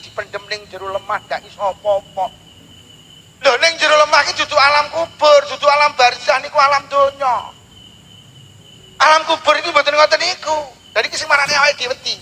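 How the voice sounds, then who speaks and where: A man's voice: very high voice, rough recording. A man from Java, preaching a humorous sermon and telling stories dramatically. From Blitar, East Java, Indonesia. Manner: animated, dramatic storytelling with sudden slow, drawn-out lines. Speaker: Islamic preacher.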